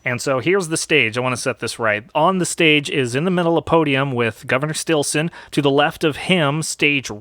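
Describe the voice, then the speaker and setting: A man chats through a movie's ending as a podcast host, voicing quoted lines with animated energy. His voice sits a little high. The sound is close and dry, with no room echo. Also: normal speed, few pauses. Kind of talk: casual film commentary.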